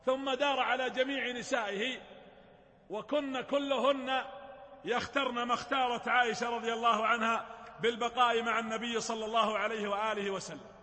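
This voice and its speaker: A man's voice: very high-pitched, steady tone, a little fast, sharp tone, big-room sound. A man giving a storytelling religious lecture, retelling sacred history with colloquial explanations and light humorous asides.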